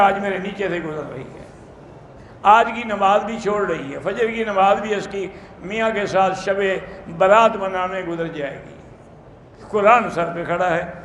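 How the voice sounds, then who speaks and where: A man, an Islamic scholar, giving brisk, plain-spoken answers to religious questions in a question-and-answer talk. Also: sits high, a bit bright, a little hiss or hum. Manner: plain-spoken, brisk, matter-of-fact rulings. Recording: echoey room.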